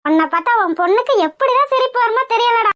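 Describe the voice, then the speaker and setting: A woman's voice: very high voice, lively intonation, fast, noisy background, voice pushed up. A woman voicing a fretful old grandmother in a village cartoon, who scolds her son and frets over the baby. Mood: scolding. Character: worried old grandmother, fond and fussing.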